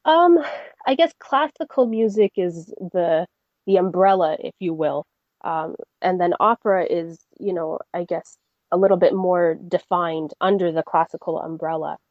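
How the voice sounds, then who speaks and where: The young woman, a singer from Canada appearing as a guest, chats through an interview in a friendly way, frequently using fillers and starting over. Her voice sits on the low side at a normal pace. The audio is narrow and tinny, with no room sound.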